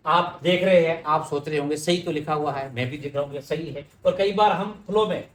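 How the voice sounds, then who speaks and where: A man's voice: on the high side, fairly quick, echoey room, a little hiss or hum. A man teaching correct Hindi spelling, explaining each word patiently and speaking directly to his students.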